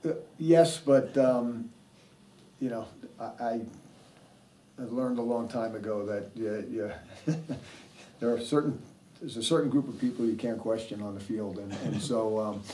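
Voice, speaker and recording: An older head coach fields press questions after a game, rambling with lots of fillers and restarts. His mid-range voice is mellow and comes from a table mic at a distance, with slight background noise. He sits at a table in a press room before a sponsor backdrop.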